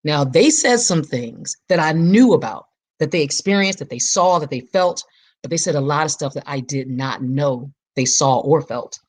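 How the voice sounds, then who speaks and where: A woman hosts her podcast alone, talking with a preacher's fire and repeating lines to drive them home. Her voice is husky and sits fairly low. It swings widely up and down in pitch. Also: lively intonation, normal speed, a little mellow. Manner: preacher-like, emphatic, repeats phrases for stress. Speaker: podcast host. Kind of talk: impassioned solo podcast monologue.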